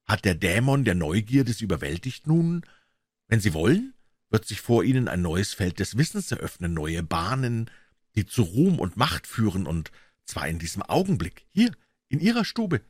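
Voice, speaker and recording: A man's voice: fairly low pitch, very animated, normal speed, a little mellow, breathy edge, dry recording, clean studio sound. A man voicing a sinister, feverish male visitor who tempts and commands in urgent, theatrical declamation. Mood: menacing.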